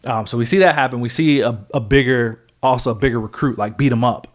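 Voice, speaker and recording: A man's voice: medium pitch, quick pace. A man with a mid-range voice talks through a comic plot in a loose, casual podcast chat. He rambles, leans on fillers and keeps backtracking to fix details. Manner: rambling, filler-heavy, self-correcting storytelling. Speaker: podcast co-host.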